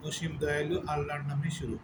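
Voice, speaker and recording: A man teaching a religious lesson step by step, repeating each term and stretching out recited words slowly. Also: on the high side. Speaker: Quran teacher. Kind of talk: religious lesson on word meanings and recitation rules. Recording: echoey room with steady background noise.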